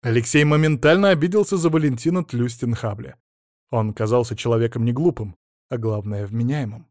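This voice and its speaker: A man narrating an audiobook in a measured, expressive reading. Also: mid-range voice, dry recording, studio quality.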